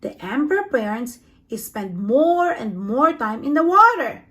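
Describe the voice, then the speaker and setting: A woman with a high-pitched voice reads a children's picture book aloud a little slowly, telling the story expressively and leaning hard on the sound words.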